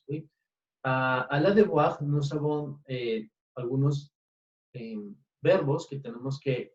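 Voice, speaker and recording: A man teaching French in an online class, often pausing to check that the students follow. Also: mid-range voice, a little mellow. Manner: checks understanding with frequent "sí?" and "oui". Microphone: computer mic on a video call. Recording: dull, distant, echoey online call audio.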